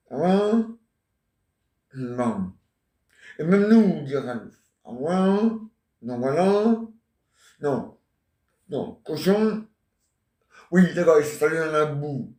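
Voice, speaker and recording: Man, 40s, rambling joker, slightly high voice, reverberant room. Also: darkish tone, far from the mic. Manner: joking, playful, teasing banter. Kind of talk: rambling casual chat. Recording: echoey room.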